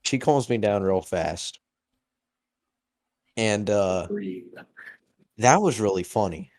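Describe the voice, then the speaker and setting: Podcast co-host, young man, casual storyteller with a lively, swooping delivery at an unhurried pace. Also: lowish voice. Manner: animated, acts out voices in anecdotes.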